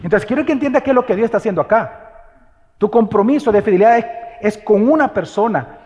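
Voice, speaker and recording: A man preaches a sermon to his congregation and keeps putting questions to them. His voice sits high and stays emphatic as he presses his points. A long reverb from the church hall trails behind every line. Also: animated, fast talker, a little mellow. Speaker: pastor. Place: church sanctuary.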